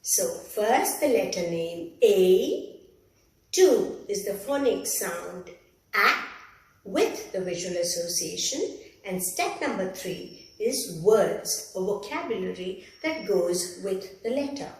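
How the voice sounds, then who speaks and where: Slow, careful woman teaching phonics. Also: mid-range voice, animated. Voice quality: slow, deliberate, careful enunciation. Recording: echoey room, voice from a distance.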